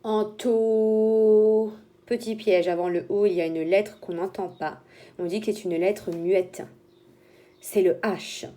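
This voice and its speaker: Female teacher, mellow and warm in tone, patient step-by-step instruction for young kids. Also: fairly low pitch, steady tone. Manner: slow, step-by-step explaining with simple imagery. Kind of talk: handwriting lesson for young children.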